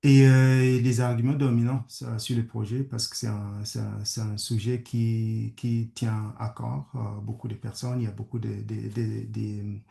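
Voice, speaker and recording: Over a video call from an echoey room, a gravelly French man from Kenya, whose first language is English, delivers a halting webinar presentation as a guest conflict studies professor. His lowish, warm voice barely moves in pitch, and he relies on fillers and frequent restarts.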